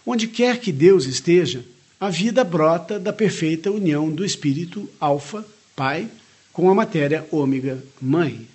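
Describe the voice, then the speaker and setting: A man reading a spiritual lecture aloud in a measured, earnest way, adding short comments of his own as a teacher. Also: on the high side, a little mellow, breathy edge.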